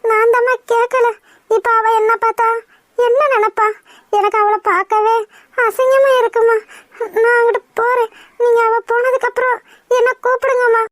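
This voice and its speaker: A woman's voice: very high voice, little pitch movement, normal speed, pauses often, fairly bright tone, no room sound, studio quality. A woman voicing a remorseful young village woman in a cartoon, speaking in sobbing, self-blaming pleas. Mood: ashamed. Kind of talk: cartoon voice acting.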